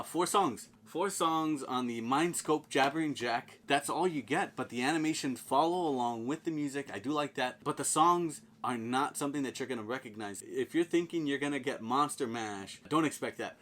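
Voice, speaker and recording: A man's voice: medium pitch, a bit bright. A man reviewing a product in casual, informal chat, explaining and repeating his points as he goes.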